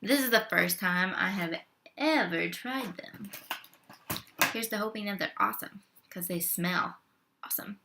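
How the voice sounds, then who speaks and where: A woman's voice: mid-range voice, a little slow, long pauses, heavy background noise. A young adult woman talking casually at home while eating for her vlog, chatting between bites with her mouth full. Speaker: vlogger. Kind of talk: casual mukbang eating chat.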